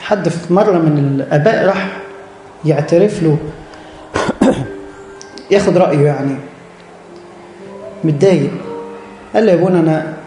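A man's voice: a little high, a little slow, pauses often, dark tone, reverberant, faint music behind. A man with an Egyptian Arabic accent preaching a church sermon, earnest and direct, repeating phrases for emphasis.

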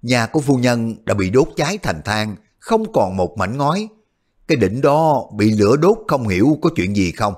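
A man's voice: mid-range voice, big pitch swings, normal speed, a little mellow. A man voicing a bold, shrewd male warrior hero who talks in a wry way, feigning forgetfulness.

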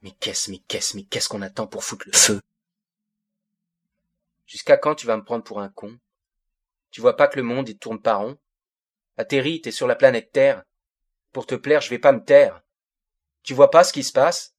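In this first-person audiobook monologue, a man plays an angry teenage boy of fifteen from the housing projects who spits bitter slang in agitated bursts. He speaks at medium pitch and normal speed, leaves long pauses, and acts the part only lightly.

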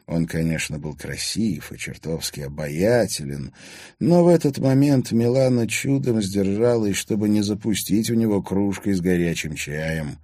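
Low, mellow male audiobook narrator. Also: normal speed, no echo, studio quality.

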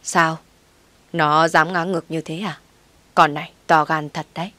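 Low-voiced pleading old mother-in-law , read by a woman, dry audiobook sound. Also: level tone, unhurried, dry recording. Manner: pleading, soft-spoken.

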